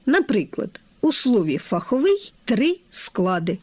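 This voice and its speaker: A middle-aged woman linguistics professor giving a careful language lesson, spelling out words slowly and deliberately. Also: a little high, sing-song, a little mellow, breathy edge, no echo. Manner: careful, deliberate articulation, slowing down to list words.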